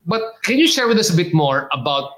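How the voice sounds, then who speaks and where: A man's voice: on the high side, very animated, fairly quick, fairly bright tone. A man with a Filipino accent hosting a podcast interview, talking in a rambling, friendly way and slipping in Filipino words. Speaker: podcast host. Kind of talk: casual interview chat.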